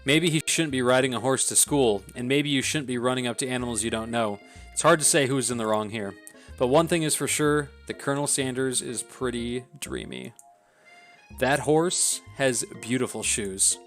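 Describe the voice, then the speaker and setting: A man's voice: medium pitch, moderate pace. A man hosting a let's play, reading a dating game aloud with wry, self-deprecating asides. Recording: faint background game music.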